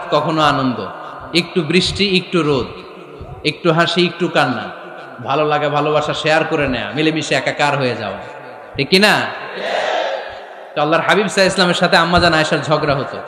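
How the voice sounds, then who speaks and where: A man preaching a lively waz sermon, asking the crowd questions and acting out voices, recorded through a PA system a lot of echo. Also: a little high. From Bangladesh. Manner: animated, acts out voices, asks the crowd questions. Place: outdoor religious gathering with PA system. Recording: echoey, long reverb from the PA.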